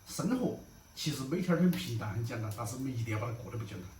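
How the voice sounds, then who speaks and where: A middle-aged man with a Southwestern Mandarin accent gives casual, personal vlog talk. His voice is medium in pitch and comes from a little way off the mic. The room echoes, with noise behind him. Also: expressive, racing, far from the mic. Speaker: vlogger.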